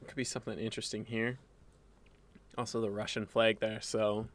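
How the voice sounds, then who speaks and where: Low-ish in pitch and flat in delivery, he talks at a moderate pace, a graphic designer streaming his work from a desk mic at home. He's a little phlegmy and thinks aloud in a loose, casual ramble with fillers and restarts.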